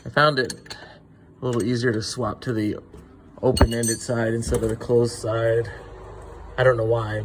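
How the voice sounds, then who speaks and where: A man's voice: mid-range voice, noisy background. A young man casually explaining a car repair step by step as he works in his garage, with frequent fillers. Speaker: car DIY video host. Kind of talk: casual how-to narration while working.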